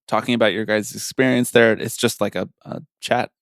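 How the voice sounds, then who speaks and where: A man co-hosting a podcast in casual, joking chat. His voice is low and gravelly with plenty of fry, and he laughs easily. The sound is dry and close. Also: steady tone, fairly quick, fairly bright tone, dry recording. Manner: joking, laughs often, trails off mid-sentence. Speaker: podcast co-host.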